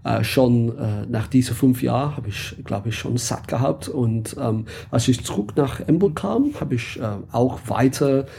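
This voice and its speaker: A man's voice: medium pitch, lively intonation, measured pace, vocal fry, hardly any pauses, warm tone, husky. A man from England with an English accent, a guest in a casual interview, speaking hesitantly with many fillers and searching for words.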